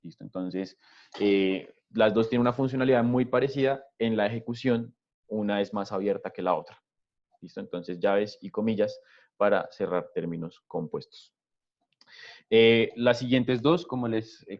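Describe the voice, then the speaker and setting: Male trainer, low voice, patient step-by-step explainer, dull lo-fi webinar audio. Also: moderate pace, a little mellow. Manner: explanatory, repeats "¿listo?" and "entonces" often.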